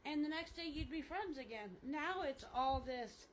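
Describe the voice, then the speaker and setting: A woman's voice: high voice, animated, moderate pace, slight background noise, rough recording. A mother talking candidly in a rambling, casual monologue, full of "like" fillers, while changing clothes.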